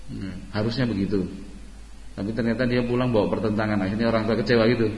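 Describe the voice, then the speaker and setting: A man's voice: fairly low pitch, steady tone, fast talker, a little mellow, a little hiss or hum. Male teacher quizzing students in a hall. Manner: questions students directly, playful and teasing. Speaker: religious teacher at an Islamic boarding school. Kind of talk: interactive classroom lesson. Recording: roomy hall echo, dull lo-fi sound.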